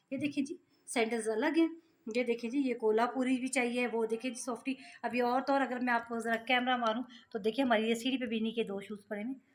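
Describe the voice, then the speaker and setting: Exasperated fast-talking Pakistani mother. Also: on the high side. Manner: exasperated, complaining, talks straight to viewers. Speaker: vlogger, mother. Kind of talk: casual vlog monologue.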